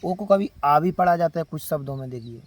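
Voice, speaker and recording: A man with an Indian Hindi accent drills English letter sounds, going through example words one by one in slow, stretched-out pronunciation practice. His voice is expressive and fairly high, and the clip is a spoken phonics lesson.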